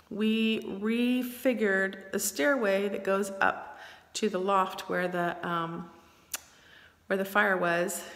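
A woman's voice: medium pitch, creaky, fairly bright tone. A middle-aged woman chatting casually through a home video tour, rambling and laughing often, her voice echoing in a bare room. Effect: long echo in a bare room under renovation. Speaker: vlogger. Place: her bedroom during home renovation, indoors. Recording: echoey room with long reverb.

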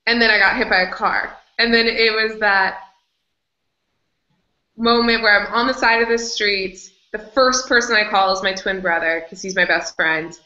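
A woman being interviewed, telling a personal story in an animated way and laughing often. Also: medium pitch, moderate pace. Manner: animated, laughs often, acts out her own past words. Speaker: interview guest. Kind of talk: candid storytelling in conversation. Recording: slightly dull, roomy recording.

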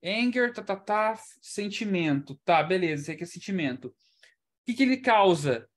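A man's voice: high voice, expressive, normal speed. A man teaching English in an online class, explaining in a chatty way and checking in often with the students. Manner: chatty, explanatory, ends points with "tá?".

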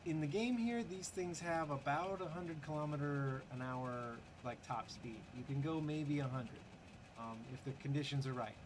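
Guy rambling over his gameplay, medium pitched voice, kinda sarcastic, faint engine noise in the background. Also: normal speed. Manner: chatty and wry, with frequent fillers and sarcastic asides. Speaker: gaming channel host. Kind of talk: casual gameplay commentary.

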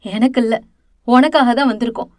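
A woman voicing a grieving middle-aged mother who speaks softly through tears in an audio novel. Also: fairly high pitch, brisk, no room sound, studio quality, close to an everyday voice. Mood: tearful. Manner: soft, tearful.

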